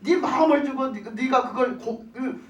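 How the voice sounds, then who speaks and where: A preacher voicing God as He patiently rebukes a prophet with quiet questions, in an echoey room away from the mic. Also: sits high, normal speed, distant mic, natural voice. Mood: pleading reproach. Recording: roomy church, voice off mic.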